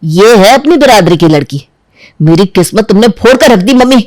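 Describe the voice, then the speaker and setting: A woman voicing a young man, a resentful, worn-down son who speaks in a sullen, bitter way, in an animated drama. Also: mid-range voice, moderate pace, dry recording, close to an everyday voice.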